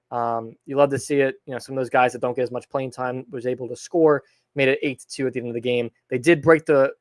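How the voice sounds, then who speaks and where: A young man from hosting a sports podcast, recapping a hockey game in a rambling, excitable way with lots of fillers. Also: medium pitch, no echo, clean studio sound. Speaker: podcast host. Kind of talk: casual sports recap monologue.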